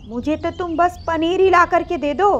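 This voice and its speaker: Cartoon boy rat played by a woman, high and whiny, greedy, stubborn, muffled sound. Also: normal speed, a little hiss or hum. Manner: whiny, pleading. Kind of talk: storybook cartoon voice. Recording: slightly muffled recording.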